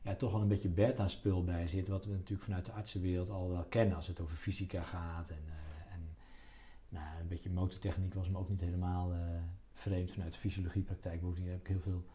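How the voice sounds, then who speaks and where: A man's voice: deep voice, little pitch movement, fast talker, dark tone, a little hiss or hum. A middle-aged man explaining things casually in conversation, often restarting phrases and repeating words. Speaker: interview guest, doctor.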